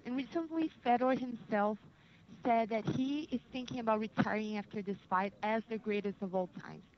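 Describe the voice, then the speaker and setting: A woman's voice: on the high side, normal speed. A woman journalist putting questions to athletes on a press conference call. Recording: dull phone line, faint noise.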